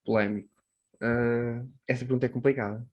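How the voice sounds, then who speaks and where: A man from Portugal, hosting a casual interview and asking relaxed questions. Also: medium pitch, fairly quick, muffled recording. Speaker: podcast host.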